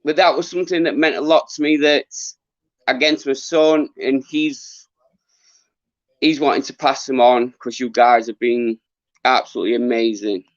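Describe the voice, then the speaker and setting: A middle-aged man talks casually to his livestream viewers, earnest and rambling, with frequent halts. His voice is mid-pitched and giving out a little. The sound is dry and somewhat muffled, like a lo-fi phone stream. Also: fairly even intonation, moderate pace, no room sound. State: losing his voice. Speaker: livestream host, former boxer. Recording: dull lo-fi livestream audio.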